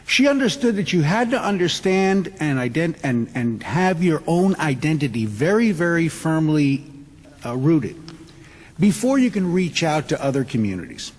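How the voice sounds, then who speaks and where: A man's voice: fairly high pitch, very animated. Puerto Rican man speaking in a reverberant hall. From Puerto Rico. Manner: earnest, halting with restarts. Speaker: panelist. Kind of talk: symposium panel talk. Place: conference hall. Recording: long reverb of a large hall.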